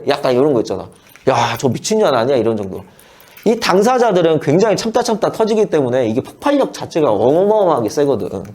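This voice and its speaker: A man's voice: medium pitch, dark tone. A middle-aged man teaching saju in a casual, blunt lecture, swearing and acting out short exchanges. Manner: blunt, slangy, swears, acts out quick quoted exchanges.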